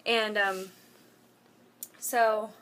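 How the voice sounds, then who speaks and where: A woman's voice: mid-range voice, level tone, very slow, fairly bright tone. A young woman talking casually to her phone camera at home, rambling with lots of fillers and asides. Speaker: vlogger. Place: room at home with a window open. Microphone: phone propped up.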